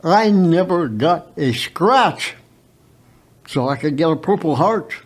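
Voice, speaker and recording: Very old man, slow and halting. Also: on the high side, lively intonation. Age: very old, around 100. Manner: halting, with repeated words and stammered starts. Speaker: war veteran guest. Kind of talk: unscripted personal storytelling.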